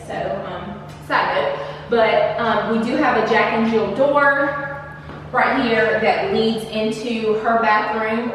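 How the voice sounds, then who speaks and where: A woman's voice: a little high, recorded from a distance, a little hiss or hum. A woman hosting a casual tour of an empty apartment, chatty and upbeat with many fillers, her voice echoing around the bare rooms. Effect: big hall echo of an empty room. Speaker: vlog host. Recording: echoey empty room, voice from off-mic.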